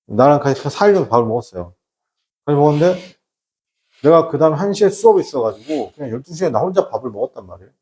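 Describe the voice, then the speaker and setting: A man's voice: a little high, expressive, fast, a little mellow. A male teacher giving a lecture, casual in manner, who often asks himself questions and acts out quoted lines while telling a personal story.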